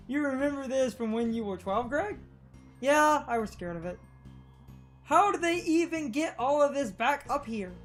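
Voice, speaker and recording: A woman hosting a let's play reads the game's dialogue aloud at a slow, easy pace. Her voice sits a little high and she keeps the tone playful. Faint game music runs underneath. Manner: unhurried, playful, reads lines with light voices. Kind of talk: reading game dialogue aloud, casual gameplay commentary.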